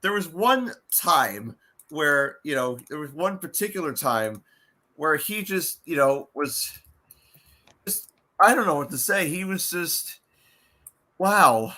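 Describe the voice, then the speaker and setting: A man's voice: a little high, lively intonation, slow, pauses often, sharp tone. A man in casual chat, rambling and stammering with lots of repeated words. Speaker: fan voice actor, co-host.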